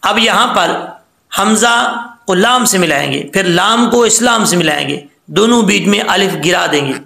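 A man teaching Quran reading, patiently spelling out syllables and slowly chanting the words. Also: high-pitched, lively intonation, vocal fry, bright, forceful tone, reverberant.

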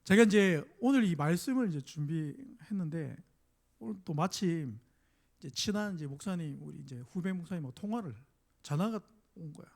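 A middle-aged male pastor preaching a sermon, emphatic, voicing quoted mockers with drama and dropping to a soft, confiding tone for personal stories. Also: on the high side, lively intonation, normal speed, creaky. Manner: drops to a soft confiding tone when telling a personal story.

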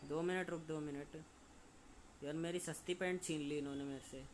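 A young man streaming a game and chatting loudly with friends on a call, joking and complaining as he plays. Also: a little high, fairly even intonation, normal speed, slight background noise. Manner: loud, joking banter with friends. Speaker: gaming streamer.

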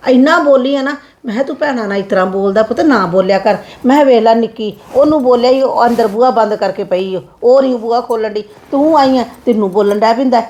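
A woman's voice: fairly high pitch, a little mellow, lightly acted. A middle-aged woman playing a worried mother who coaxes her daughter and grumbles about her son. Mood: fretful. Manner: fast, fretful, coaxing. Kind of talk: family short-film acting.

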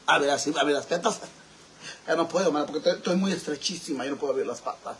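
A man's voice: fairly high pitch, fast talker, a bit bright, slight background noise. A man with a Mexican accent hosting a casual livestream, flamboyant and campy as he answers viewer comments and laughs often. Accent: Mexican Spanish.

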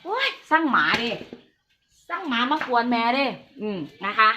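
A woman with an Isan accent doing hyped, chatty live-seller patter, repeating her pitch and addressing viewers in a folksy way. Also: sing-song, normal speed, a crowd in the background. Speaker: live-stream seller of chillies and farm produce.

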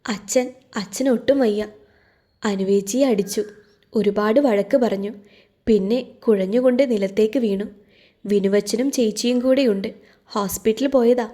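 A woman voicing an upset teenage girl who rushes anxiously through her account, in a storybook reading. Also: mid-range voice, fairly even intonation, mellow, lightly acted.

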